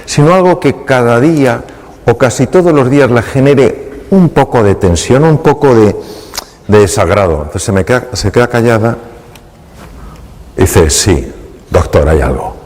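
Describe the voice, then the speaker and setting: A man with a Spanish accent, a doctor speaking to an audience, telling a story with lively acted-out dialogue in a reverberant hall. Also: mid-range voice, normal speed, pauses often. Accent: Spain Spanish. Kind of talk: anecdotal talk to an audience. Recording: reverberant hall, faint background hum.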